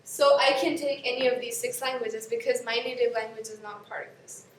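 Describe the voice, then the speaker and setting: A young Pakistani woman, a native Urdu speaker, stands before a screen in a classroom as a student guide, walking students through course registration. Her fairly high, steady voice runs a little fast; she is chatty, uses examples, and often corrects herself. A distant camera mic captures an echoey room with slight background noise.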